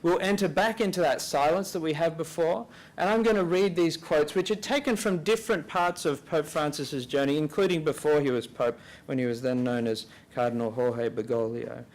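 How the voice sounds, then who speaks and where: A man speaking at a church briefing day, giving a slow, calm reflective talk that leads listeners through a guided prayer with pauses. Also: fairly high pitch. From Australia.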